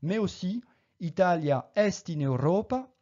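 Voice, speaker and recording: Mellow-voiced Latin teacher, dull lo-fi recording. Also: mid-range voice, lively intonation. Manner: slow, careful, models Latin pronunciation then explains it. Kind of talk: recorded language lesson.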